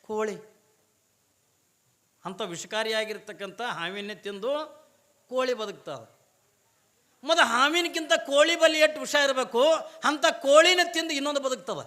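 Male preacher, North Karnataka accent, very high voice, rhetorical questions. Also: normal speed, pauses often, pushed and bright. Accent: North Karnataka Kannada. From Bijapur district, Karnataka. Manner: asks the audience questions and answers them himself. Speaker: religious preacher. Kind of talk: sermon.

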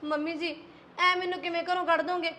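A woman playing a quick soft-spoken young wife. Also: very high voice, level tone. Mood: hurt. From Punjab. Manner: pleading, earnest. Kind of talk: amateur village drama acting.

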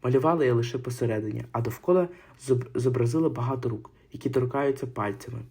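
A man reading an audiobook narration aloud, quick and now and then stumbling over words. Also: medium pitch, darkish tone, husky. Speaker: audiobook reader.

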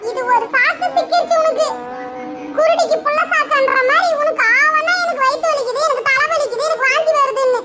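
Brief: a woman as a scolding middle-aged mother-in-law in a family skit, rushed delivery, noisy recording. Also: very high voice. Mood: teasing. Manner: scolding, teasing. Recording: loud background noise.

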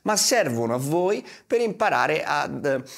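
A man in his thirties presents car detailing from a desk in a small padded studio, with music in the background. He gives casual, colloquial instructions straight to the viewer, throwing in rhetorical questions. His voice is on the high side, gravelly and a bit bright, with big pitch swings and a slightly slow pace.

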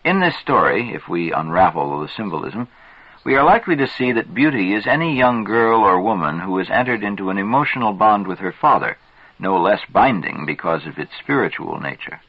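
A man with a low, husky voice reads aloud from a psychology book, taking each sentence in a measured, deliberate way. The recording is dull and lo-fi, with a dry sound and no room echo. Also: expressive. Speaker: reader. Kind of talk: scripted narration of a psychology book.

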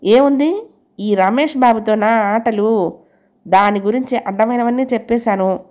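A woman's voice: on the high side, a little slow, a little mellow, close to an everyday voice. A woman voicing a spiteful, boastful male office colleague in an audio novel. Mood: sneering. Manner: sneering, irritable.

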